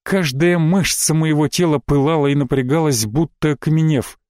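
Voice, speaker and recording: A man's voice: fairly high pitch, normal speed, darkish tone, dry recording, studio quality. A man narrating a first-person romance audiobook in a terse, brash voice.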